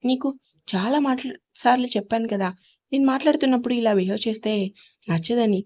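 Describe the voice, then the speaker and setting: A woman's voice: fairly high pitch, a little fast, darkish tone, lightly acted. A woman voicing a hot-tempered young husband in an audio story, speaking harshly and threateningly. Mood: angry.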